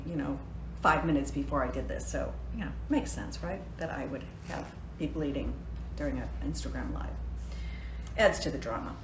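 A woman's voice: sits low, noisy background. A woman in her sixties chatting and joking on a phone livestream from her living room. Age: 60s. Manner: chatty, self-deprecating, joking. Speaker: actress hosting a birthday fundraiser livestream. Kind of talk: casual livestream chat. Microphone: phone at arm's length. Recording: roomy home phone recording.

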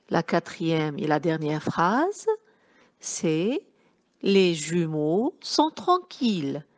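A woman teacher giving a phonics lesson to young children, sounding out words syllable by syllable. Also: sits low. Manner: slow, syllable-by-syllable dictation, addressing pupils warmly as children.

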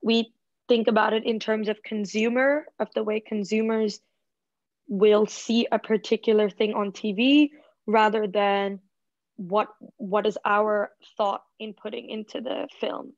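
A woman's voice: mid-range voice, fairly even intonation, measured pace, dry recording. Woman, 21, from Singapore, casual student presenter, chatty filler-heavy talk, dry muffled call audio. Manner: chatty, lots of likes and ums. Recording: dull, lo-fi video call audio.

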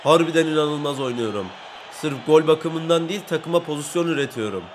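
A young man giving live commentary while playing a football video game, excitable and boastful, shouting at his teammates and chanting when he scores. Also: fairly high pitch, fairly quick, a little hiss or hum. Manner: excitable, bursts into shouts and sing-song chants at goals; brags and grumbles at teammates.

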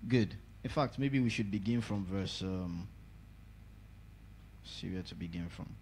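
A man preaching a church sermon, reading scripture aloud and growing loud and emphatic on key words while calling on the congregation to answer. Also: deep voice, unhurried, slight background noise. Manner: lively, rises loud on key words, asks the congregation to repeat. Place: church service.

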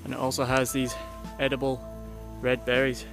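Young male outdoor vlogger, relaxed and explanatory with dry humor, filmed on an action camera. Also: mid-range voice, moderate pace, vocal fry, faint music behind, rough recording. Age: young adult. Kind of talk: casual outdoor vlog narration. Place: outdoors in a forest.

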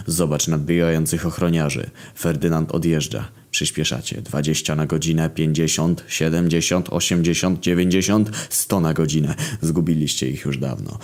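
A man reading a crude internet story aloud in deadpan, profane second-person narration. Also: low-pitched. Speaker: story reader.

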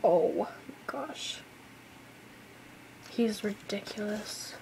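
Unboxing an album at home for her vlog, a young woman chatters excitedly, gushing, exclaiming, and occasionally whispering. Her medium-pitched voice is animated and creaky, drawing out words over background noise.

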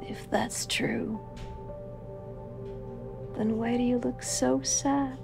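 An actress playing a frail, gentle dying wife in a video game, speaking softly and breathily. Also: female voice, fairly high pitch, fairly even intonation, full character voice. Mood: tender. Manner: soft, breathy and slow. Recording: video game audio under music.

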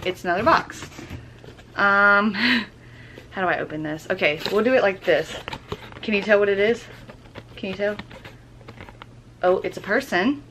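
A young woman talks through an unboxing in a chatty, excitable way, gasping with delight now and then. Her voice sits at a middling pitch. There is a faint hiss of noise behind her at home. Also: measured pace, pauses often. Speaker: YouTuber. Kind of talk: casual unboxing vlog.

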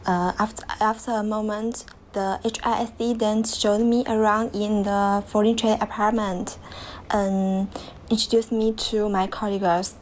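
Woman student, halting practice answer, very slow delivery, faint noise behind. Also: medium pitch, flat delivery, darkish tone. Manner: hesitant, halting with restarts.

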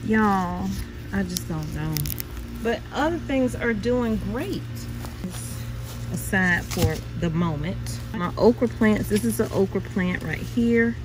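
A woman's voice: mid-range voice, expressive, slow pace, music in the background, poor audio. A woman casually walking viewers through her backyard garden, chatty and exclamatory, calling them y'all. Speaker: home gardener vlogger.

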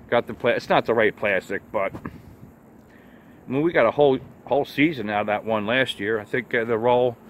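A man's voice: medium pitch, a bit bright, a little hiss or hum. A man vlogging about his homestead chores in a casual, rambling, plainspoken way. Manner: laid-back, plainspoken, mild cursing.

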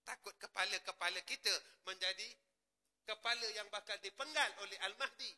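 A man with a Malaysian Malay accent preaching in a prayer hall, switching from quiet asides to loud rising exclamations. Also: high voice, a little fast. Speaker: religious teacher. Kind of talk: mosque sermon.

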